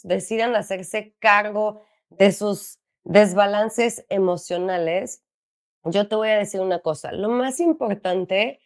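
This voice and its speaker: A middle-aged woman with a Mexican accent talks through her ideas in an interview. She explains with patient earnestness, often asking a question and then answering it herself. Her pitch sits in the middle of the usual range for a woman. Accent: Mexican Spanish. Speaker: ADHD coach for parents.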